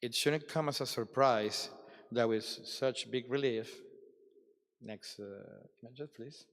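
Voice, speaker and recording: A man giving a formal, reflective address at a conference closing ceremony, with deliberate dramatic pauses. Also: medium pitch. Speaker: ceremony speaker. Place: large hall at a ceremony. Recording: long reverb of a large hall.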